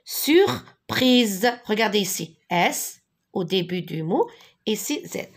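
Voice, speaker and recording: A woman teaching a French spelling lesson, patiently repeating each word slowly, with a few translations. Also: mid-range voice, expressive, husky. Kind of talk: slow classroom lesson with repetitions.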